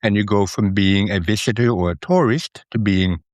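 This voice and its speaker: A middle-aged man from Norway, an interview guest who speaks in a thoughtful, measured way with a few fillers. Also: lowish voice, no room sound, muffled recording. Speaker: interview guest, Italian student. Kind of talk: conversational interview.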